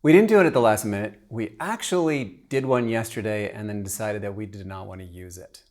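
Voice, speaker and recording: A middle-aged man hosting a family travel podcast, telling it in a relaxed way with pauses and fillers. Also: on the low side. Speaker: podcast host, travel writer. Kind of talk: casual chat.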